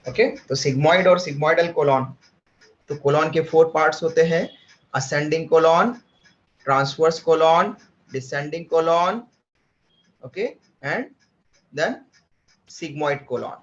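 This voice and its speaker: A man with a fairly high voice teaches a biology lesson. He explains step by step and keeps asking his students questions. He is picked up from a distance in an echoey classroom with a muffled sound. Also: slow, long pauses. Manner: mixes English terms into Hindi.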